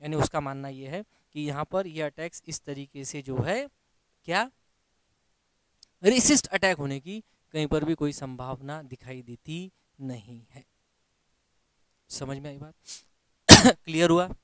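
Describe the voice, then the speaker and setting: A man with an Indian accent gives an exam lesson, reading English sentences slowly and then explaining them in Hindi. His voice is fairly high and smooth. He prods his students with rhetorical questions, recorded dry and close. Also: a bit bright, no room sound. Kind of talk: classroom lecture.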